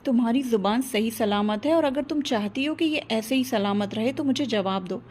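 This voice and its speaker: A woman's voice: fairly high pitch, normal speed, a little mellow, slight background noise, lightly acted. A woman voicing a cold, domineering rich young man in an audio story, speaking curtly and giving orders. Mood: stern. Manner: curt, commanding, stares while speaking.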